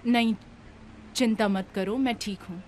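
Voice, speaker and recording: A woman's voice: a little high, unhurried, a little mellow, a little hiss or hum, natural voice. A woman voicing a polite, composed young office worker in a dubbed TV drama.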